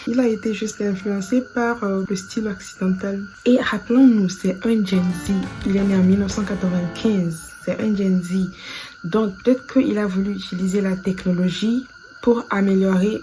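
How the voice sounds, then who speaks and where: Cameroonian french woman chatting to her viewers, low warm voice, drops to a whisper now and then, faint hum behind. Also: low-quality recording. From Africa. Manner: conversational, drops into soft whispered asides. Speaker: video creator commenting on Quran reciters. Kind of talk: casual spoken commentary.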